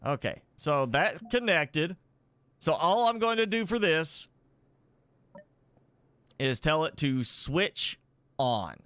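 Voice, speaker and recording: A man's voice: fairly high pitch, big pitch swings, slow, pauses often, a bit bright, clear, resonant tone, no echo. A man hosting a casual live gameplay stream, thinking aloud as he builds, rambling and chuckling now and then. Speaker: gaming channel host. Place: indoors at home with a pet dog.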